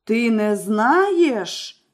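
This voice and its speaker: A woman's voice: high-pitched, animated, moderate pace, darkish tone. A woman voicing a cruel, domineering husband who barks threats at his wife in a fairy tale. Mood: menacing. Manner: threatening, barking commands. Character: menacing wealthy husband, cruel, domineering man. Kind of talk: storybook character voice.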